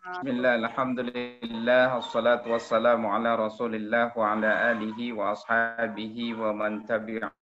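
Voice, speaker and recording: A man giving a slow, formal religious opening as a guest lecturer, his online call audio cutting in and out. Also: medium pitch, completely flat delivery, over music. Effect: choppy online call audio breaking up. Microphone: computer or phone on a video call. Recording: dull lo-fi video call audio.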